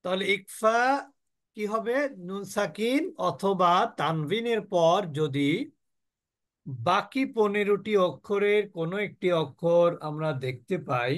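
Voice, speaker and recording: A man from Bangladesh with a Bangladeshi Bengali accent teaching a Quran recitation class online, explaining rules, asking and answering his own questions, and drawing out sounds slowly for students to repeat. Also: high voice. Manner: asks the class questions and answers them himself. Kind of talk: online tajweed lesson with slow recitation drills.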